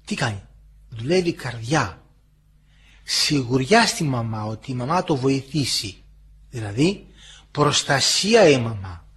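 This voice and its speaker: Husky Greek-speaking man preaching animatedly. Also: medium pitch, pauses often. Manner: homely, animated storytelling, acts out quoted voices. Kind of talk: spoken sermon to listeners.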